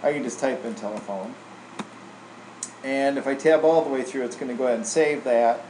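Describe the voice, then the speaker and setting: A brisk, medium-pitched man narrates a screen recording from an indoor room, walking through software the way a trainer would, casual and informal, with "right?" tagged on his statements. Roomy echo and a faint air-conditioning hum color the audio.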